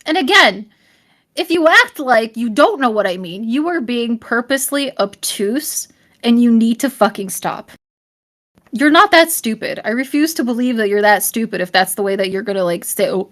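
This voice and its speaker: A young adult woman live-streaming, talking straight to her chat in a blunt, profane, rambling rant, at times shouting and often apologizing. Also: fairly high pitch, expressive, normal speed. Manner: profane, blunt, swears constantly. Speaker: livestreamer.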